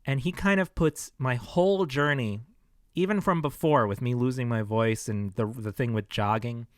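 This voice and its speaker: In a casual personal vlog about his health experience, a man with a tired, scratchy throat rambles hesitantly, restarting often. His mid-range voice moves at normal speed. A close microphone gives close, dry sound with no room echo.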